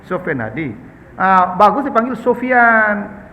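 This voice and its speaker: A man's voice: sits high, very animated, unhurried, long reverb tail, highs cut off. A man with a Minangkabau accent preaching in a chatty, humorous way, often addressing his listeners as sir and ma'am. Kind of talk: conversational Islamic study talk answering questions.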